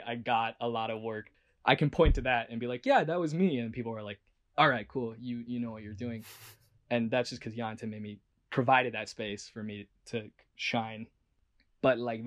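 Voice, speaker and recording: Male voice actor, mid-pitched, chatty and rambling, honest interview tone. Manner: rambling, full of "like" and restarts; earnest and self-reflective. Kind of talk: casual interview talk.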